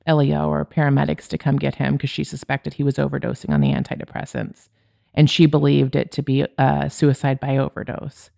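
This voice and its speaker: A woman's voice: sits low, vocal fry, darkish tone. A woman hosting a true crime podcast, retelling a case from her notes in a chatty way. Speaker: podcast host.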